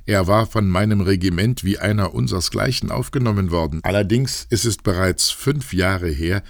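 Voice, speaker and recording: A man's voice: low voice, moderate pace, creaky, no echo. A man reading a classic story aloud as narrator, with a formal, old-fashioned literary delivery.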